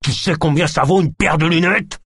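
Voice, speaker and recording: A man voicing a greedy, scarred, potbellied middle-aged man who yells and haggles gruffly. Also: on the high side, normal speed, no echo, clean studio sound, voice pushed up.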